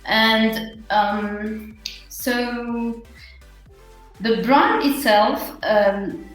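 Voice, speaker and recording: A woman with a Mauritian accent talks slowly and haltingly, as a guest in an interview. She sounds earnest and conversational. The room rings with heavy echo, and faint music sits behind her voice. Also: a little high, steady tone. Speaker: interview guest, small business owner.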